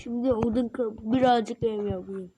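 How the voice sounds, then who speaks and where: A woman giving casual, slangy commentary while playing a game; she is a bit sick and her voice sounds rough. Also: fairly high pitch, fairly even intonation, moderate pace, noisy background. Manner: chatty, self-conscious, slangy. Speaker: gaming channel host.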